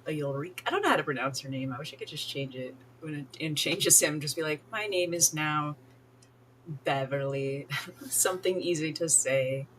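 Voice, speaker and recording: A woman's voice: sits low, animated, a little fast, a bit bright, a little hiss or hum. A woman streaming a life-sim game, chatting casually, giggling and talking to the characters on screen. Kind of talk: casual gameplay commentary.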